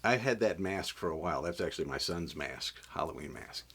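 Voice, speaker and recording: Animated man telling a profane story. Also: low-pitched, a little fast, husky. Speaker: actor interviewee. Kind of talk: anecdote in an interview.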